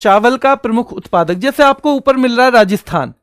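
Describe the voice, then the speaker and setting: A man's voice: very high-pitched, expressive, brisk, a bit bright, clean tone, no room sound. A male exam coaching teacher giving an online exam-prep lecture, quizzing students and answering his own questions. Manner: quizzing students, calling them beta and bhaiya.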